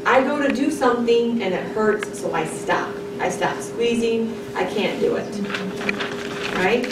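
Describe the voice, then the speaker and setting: A woman with a slightly high voice and a somewhat slow pace gives a conversational classroom lecture, often asking the class "right?". She's in a large darkened lecture room, captured by a distant camera in the audience, so her voice sounds far off, echoey, and noisy.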